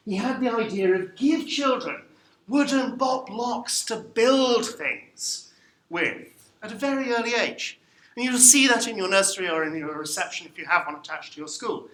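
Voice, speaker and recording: A man giving a live lecture to a room of teachers, lively and wry, putting questions to the audience. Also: high voice, moderate pace. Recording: echoey room, faint background noise.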